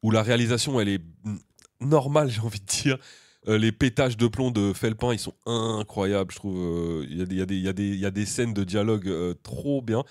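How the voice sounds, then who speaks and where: A man's voice: lowish voice, a little fast, darkish tone, no echo, clean studio sound. A man co-hosting a podcast from France, chatting casually in a slangy, joking way with strong opinions. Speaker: podcast co-host. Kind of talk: casual chat.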